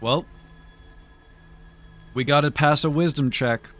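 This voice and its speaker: Speaking slowly in a slightly high, somewhat bright voice, a man provides playful, easygoing commentary while streaming a game. He makes a show of weighing decisions with his chat.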